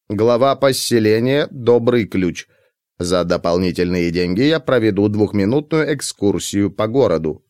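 A man voicing a rickety patchwork robot with a metallic, grating voice and flat, mechanical delivery. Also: on the low side, smooth, dry recording, clean studio sound. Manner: slow, flat, mechanical repetition. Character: rickety patchwork robot automaton, male, mournful. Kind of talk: audiobook character voice.

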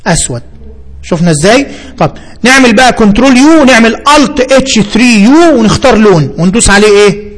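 With an extremely high, expressive voice and a brisk pace, a computer instructor speaking with an Egyptian Arabic accent leads a screen-reader software tutorial. He thinks aloud and restates himself while explaining each term, on a rough recording.

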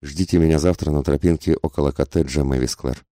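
Man voicing a desperate, passionate society woman in an audiobook, intense pleading, very deep dark voice. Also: fairly even intonation, brisk, no echo, clean studio sound. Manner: intense, whispering-angry pleading.

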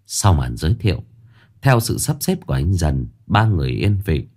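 Lively low-voiced male ghost-story narrator. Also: normal speed, slightly rough. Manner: expressive storytelling.

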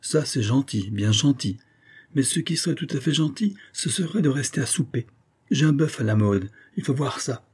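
A man's voice: medium pitch, lively intonation, moderate pace, a little mellow, slightly rough, pitched above the performer's own voice. A man doing a chatty, good-hearted fellow. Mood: cheerful. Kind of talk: audiobook character voice.

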